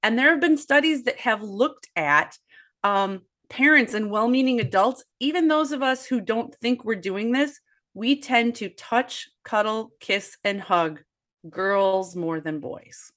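A woman in her forties, an author and guest, talking earnestly about raising boys, with animated storytelling and quoted asides. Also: on the high side, measured pace. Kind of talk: conversational podcast discussion.

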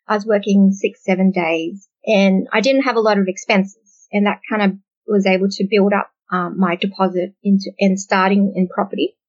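A woman from Australia in her late twenties or thirties, chatting as an interview guest in a relaxed, hesitant way with many ums. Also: mid-range voice. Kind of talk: casual interview chat. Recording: muffled, dull audio.

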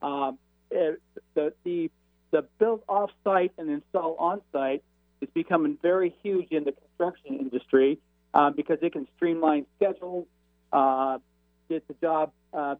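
A man's voice: fairly high pitch, moderate pace, no room sound. Man on a crackly, fading phone line. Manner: hesitant, many fillers and restarts. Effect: crackly phone line that fades in and out. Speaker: radio show guest. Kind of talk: casual explaining. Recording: tinny, breaking-up phone call.

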